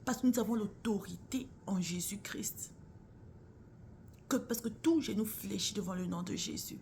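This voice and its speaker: A woman's voice: mid-range voice, moderate pace, gravelly, darkish tone, a little hiss or hum. A woman giving a casual, earnest faith talk straight to her viewers, calling them sister or brother and often dropping into a near whisper. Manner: earnest, addresses listener as sister or bro.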